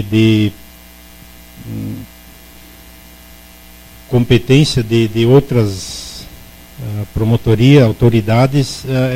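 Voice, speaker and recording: A man's voice: medium pitch, mellow, rough recording. A man with a Brazilian accent, a city councillor giving a formal speech in a council session, repeating words as he searches for them. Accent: Brazilian Portuguese. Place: municipal council chamber.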